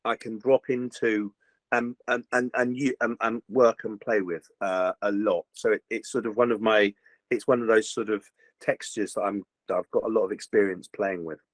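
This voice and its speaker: A fairly low-pitched man speaks at a normal speed as a voice actor being interviewed casually. He's animated, with frequent fillers like "you know" and many restarts, and his home recording booth gives no echo but low-quality sound.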